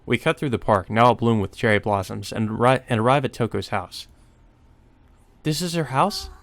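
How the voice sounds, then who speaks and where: There's no room sound as this man, his voice fairly low with vocal fry, briskly reads a visual novel for a playthrough. Game music plays underneath, and sometimes he trips over a line and repeats it.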